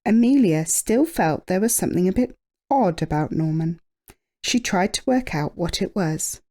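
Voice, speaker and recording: Reading a children's picture book, a woman storyteller uses an animated, lowish voice with a dark tone. She stretches words for emphasis and pauses dramatically.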